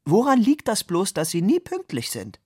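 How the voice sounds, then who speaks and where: Mann macht albernen kollegen, ganz hoch und schrill, neckisch. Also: male voice, sits high, huge pitch swings, moderate pace, darkish tone, breathy edge, no room sound, studio quality, voice pushed up, heavily acted. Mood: teasing. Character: silly male office colleague, excitable.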